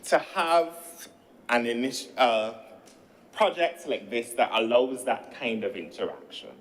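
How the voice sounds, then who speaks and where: A man's voice: medium pitch, measured pace, fairly bright tone, poor audio. A man in his thirties from Barbados with a Barbadian accent, giving a formal parliamentary speech as a senator and often addressing the chair. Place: legislative chamber.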